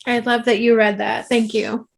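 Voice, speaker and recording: A woman's voice: on the high side, flat delivery, normal speed, vocal fry. A woman author speaking as an interview guest, open and emotional, laughing often as she talks. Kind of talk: interview conversation.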